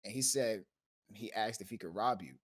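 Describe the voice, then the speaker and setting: A man's voice: fairly low pitch, moderate pace, slightly rough. A man from the Bronx telling stories in a casual live-stream group chat, acting out the quotes and laughing often over a voice call. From the Bronx, New York. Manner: animated storyteller who laughs often and acts out quotes. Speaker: streamer and discussion host.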